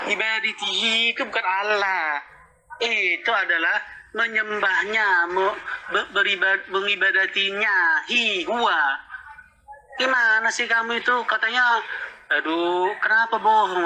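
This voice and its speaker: A man's voice: high-pitched, a little slow, sharp tone, slight background noise, rough recording. A man in a heated religious debate who mocks his opponent and accuses him of lying. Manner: mocking, accusing.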